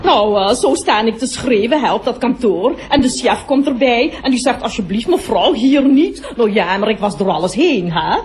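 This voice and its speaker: A nosy, prim cloakroom attendant, played by a woman on stage, rattles on in a lively, high-pitched voice that swoops up and down. She keeps interrupting her own gossip to speak to passing guests, with faint noise underneath. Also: moderate pace, few pauses. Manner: chatty gossiping storyteller who keeps breaking off to address visitors. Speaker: comic performer playing a cloakroom attendant. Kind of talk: comic monologue with audience laughter.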